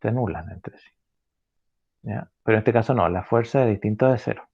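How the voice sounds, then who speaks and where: A male teacher gives an online physics lesson in a low, gravelly voice, working through each idea step by step and checking in with short tag questions. He pauses on fillers and corrects himself as he goes. The sound is husky and comes through a thin, phone-like line. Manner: halting, with frequent fillers and self-corrections.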